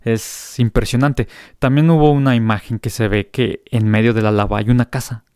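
A man's voice: mid-range voice, fairly even intonation, normal speed, a little mellow, clear, resonant tone, dry recording, studio quality. A Mexican man hosting a casual comic news show, chatty and hesitant with frequent fillers.

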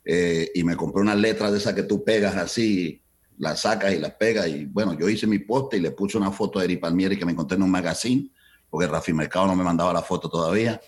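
Low low voice, colombian guy in his 60s, telling stories in an interview, switches to english a lot. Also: fast. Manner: lively anecdotes, mixes Spanish and English, acts out dialogue. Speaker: guest, entertainment entrepreneur. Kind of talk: storytelling in a conversational interview.

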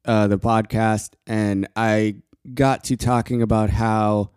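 A quiet man hosting a casual solo podcast, talking in short halting bursts and pausing often for breath. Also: on the low side, level tone, clean tone, no echo, studio quality. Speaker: podcast host.

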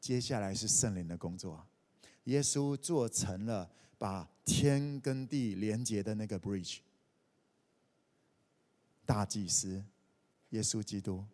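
A man preaching a sermon as a pastor, animated, acting out the voices in his stories and often dropping "OK". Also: fairly low pitch, slow pace, pauses often. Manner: animated, acts out quoted voices, frequent "OK". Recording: long reverb of a hall.

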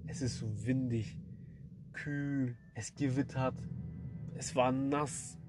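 A man's voice: mid-range voice, level tone, slow. A young man telling a horror story to his listeners in slangy, casual speech, often turning to address them directly. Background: background music.

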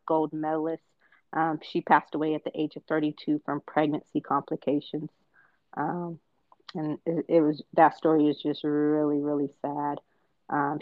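A man co-hosting a casual pop culture podcast, chatty and animated, joking about his game show voice. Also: a little high, dry recording, muffled recording. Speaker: podcast co-host.

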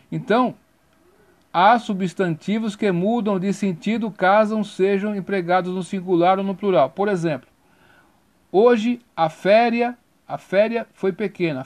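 High-pitched man, a teacher who spells words letter by letter at an unhurried pace. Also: darkish tone. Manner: spells out letters and repeats rules slowly. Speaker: grammar teacher. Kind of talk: recorded grammar lesson.

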